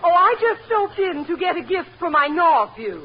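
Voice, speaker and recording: A woman's voice: extremely high pitch, big pitch swings, dull audio. A woman playing a comic woman shopper who speaks with an exaggerated mock Chinese accent and draws out her words on a 1940s radio comedy show. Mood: teasing. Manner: broad comic put-on accent, drawn-out words. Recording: old 1940s radio recording, noisy, live audience laughing.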